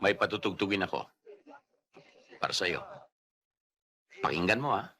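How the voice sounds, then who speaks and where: An older man playing a cocky, blustery police officer who shouts orders. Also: sits low, animated, a little slow, exaggerated voice. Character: brash older male cop, cocky tough-talking lawman.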